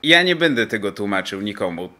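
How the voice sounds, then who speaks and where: Animated, bright-voiced exasperated male teacher. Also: lowish voice, fairly quick. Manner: exasperated, sarcastic, mock-outraged. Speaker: English teacher. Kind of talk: comic rant to camera. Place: outdoors in an empty spot.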